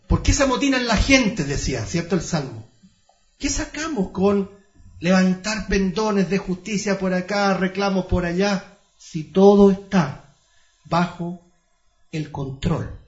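High-voiced preacher in a roomy hall. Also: male voice, highs cut off. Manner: reads scripture slowly, stressing each phrase; addresses listeners as brothers, asks rhetorical questions. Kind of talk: Bible-study sermon.

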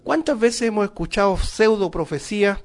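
High-voiced man preaching a sermon. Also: lively intonation, normal speed. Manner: emphatic, rhetorical questions to the congregation.

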